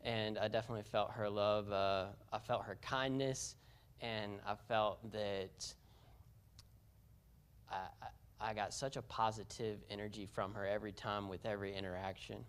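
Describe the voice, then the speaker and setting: A man, the grandson of the deceased, sharing memories at a memorial service in a church, sincere and halting with many fillers. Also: lowish voice, fairly even intonation, clean tone. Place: church sanctuary.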